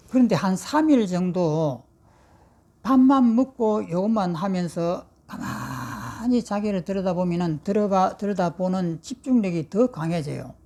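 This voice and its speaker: A woman's voice: lowish voice, dark tone. A woman, a Buddhist monastic teacher, giving a patient, explanatory dharma lecture. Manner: patient, explanatory, acts out inner voices. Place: meditation hall.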